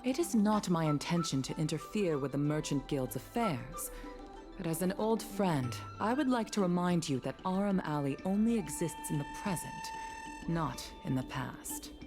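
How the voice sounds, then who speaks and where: An actress playing a calm, authoritative woman commission official who speaks diplomatically. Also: fairly low pitch, normal speed. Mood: composed. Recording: game audio over loud music.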